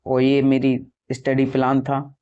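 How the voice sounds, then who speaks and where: A man's voice: medium pitch, monotone, a little slow. A young man giving earnest, repetitive advice to viewers about preparing for an exam, speaking casually to the camera. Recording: dull lo-fi sound.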